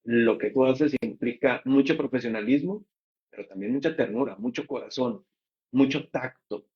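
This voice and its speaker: Husky man hosting an interview, dull sound. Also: medium pitch, moderate pace. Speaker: interview host. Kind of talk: interview host questions.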